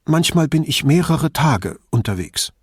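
A man's voice: on the high side, sing-song, breathy edge, no room sound, studio quality, pitched above the performer's own voice, full character voice. A man voicing a worried, defensive woman professor who talks about her son in a storybook reading. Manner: tense and quick to bristle.

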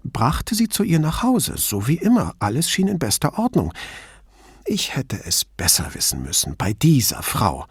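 A man's voice: mid-range voice, huge pitch swings, moderate pace, breathy edge, no echo, studio quality, pitched above the performer's own voice, exaggerated voice. A man voicing an indignant middle-aged female shop assistant in an audiobook, speaking emphatically. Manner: emphatic, raised voice.

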